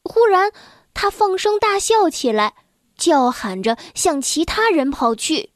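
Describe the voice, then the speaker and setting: A woman storyteller reading a children's story aloud in a gentle, expressive way. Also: very high voice, a little slow, no echo, clean studio sound.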